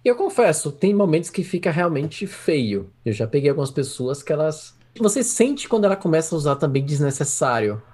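A man co-hosts a casual podcast, telling stories with a joking, chuckling manner. His voice sits a touch high and moves freely up and down. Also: big pitch swings, brisk, hardly any pauses, darkish tone, slightly rough. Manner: jokey, storytelling, chuckling. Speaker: podcast co-host.

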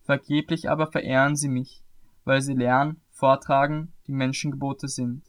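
A man reading aloud and voicing a male religious teacher who speaks calmly and with authority, in a measured, earnest way. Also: medium pitch, smooth, natural voice. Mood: stern. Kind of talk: scripted scripture reading.

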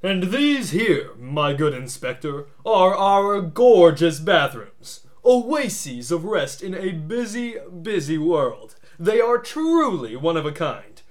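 A man's voice: high voice, big pitch swings, takes it slowly, few pauses, full character voice. A man doing a pompous fake hotel guide. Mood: grandiose. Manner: grandiose, theatrical salesman tone. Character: pompous male superhero posing as tour guide. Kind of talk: amateur audio drama acting.

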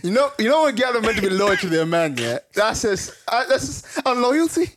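A man's voice: sits high, sing-song, brisk, fairly bright tone. A young man with an urban London accent chatting casually as a podcast co-host, full of slang and repeated words. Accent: London, urban street slang. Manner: slangy, repeats himself in protest. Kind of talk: casual chat.

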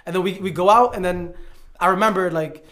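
Fast-talking New guy telling a story. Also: high-pitched. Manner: animated, acts out quoted voices, stumbles and repeats words. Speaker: podcast guest. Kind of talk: casual storytelling.

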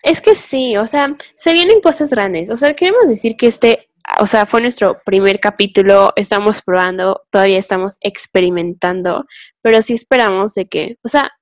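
A young adult woman co-hosts a podcast, speaking at a moderate pace with medium pitch. She rambles casually through philosophical ideas, thinking out loud and filling gaps with fillers.

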